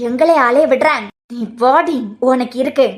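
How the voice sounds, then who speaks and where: A performer voicing a harsh, scheming mother-in-law in a cartoon series, scolding in a sharp-tongued way with a Kanyakumari Tamil accent. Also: high-pitched, moderate pace, close to an everyday voice.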